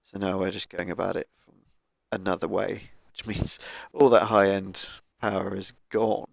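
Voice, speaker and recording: A man with a croaky voice from a cold, casually talking through car tuning as he plays a game on a cheap microphone. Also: low voice, little pitch movement, normal speed, no echo, clean studio sound. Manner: thinking aloud, laid-back, with fillers. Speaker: gaming YouTuber. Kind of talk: casual gameplay commentary.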